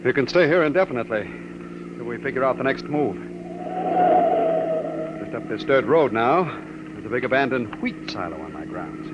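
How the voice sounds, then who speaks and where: An actor playing a calm, secretive man who reassures and commands a nervous companion, in 1950s radio drama style. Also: mid-range voice, normal speed, long pauses, lightly acted. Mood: reassuring. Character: calm, secretive man leading a captive into hiding. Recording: dull, noisy old radio recording.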